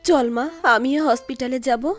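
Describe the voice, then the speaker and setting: An actress playing a caring middle-aged aunt with emotive old radio show delivery. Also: female voice, high-pitched, a little slow. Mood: concerned. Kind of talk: radio drama acting.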